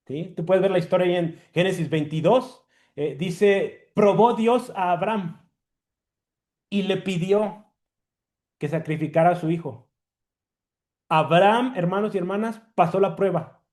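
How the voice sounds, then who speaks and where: A male preacher delivering a teaching sermon, repeating key words slowly and often checking in with the listeners. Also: high voice, mellow.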